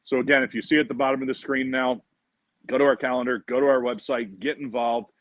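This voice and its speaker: A man's voice: mid-range voice, steady tone, fast talker, no room sound, lo-fi sound. A man, director of a fishing conservation group, giving an upbeat promotional update with frequent "uh" fillers, recorded at a marina. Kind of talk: monthly video update. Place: outdoors at a marina.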